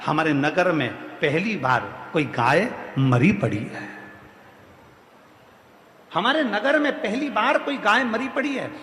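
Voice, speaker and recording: A man's voice: high-pitched, expressive, unhurried, pushed and bright, a little hiss or hum, voice pushed up, full character voice. Brief: distressed woman messenger crying out to the king, raised tone, played by a male storyteller, big echoey hall. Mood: pleading. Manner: pleading, hailing the king.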